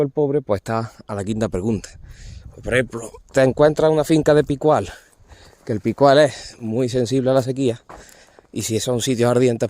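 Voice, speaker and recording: A man's voice: fairly low pitch, darkish tone, slight background noise. A man, explaining olive pruning outdoors in an olive grove, informal and constantly pointing things out to viewers. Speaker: olive pruner. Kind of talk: hands-on field demonstration.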